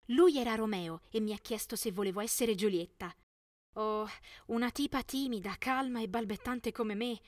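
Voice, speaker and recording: A young woman narrates a first-person teen story for an animation. Her voice sits a little high, and she enunciates clearly with expressive delivery. The recording is dry and close, with little room sound. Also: no echo.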